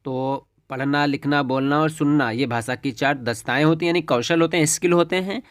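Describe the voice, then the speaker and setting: Guy teaching a hindi lesson, kinda high voice, dry close mic, goes step by step and keeps saying ok. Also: fairly quick, dry recording. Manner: explains step by step, often says "ठीक है". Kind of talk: exam-prep lesson.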